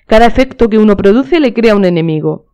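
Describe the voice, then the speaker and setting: A worldly, cynical nobleman from a storybook, delivering his epigrams like lessons, as a woman narrator reads him. His voice is mellow and dark, sitting in a middle pitch. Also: animated, fast, smooth, natural voice. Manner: epigrammatic, lecturing. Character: witty cynical male aristocrat.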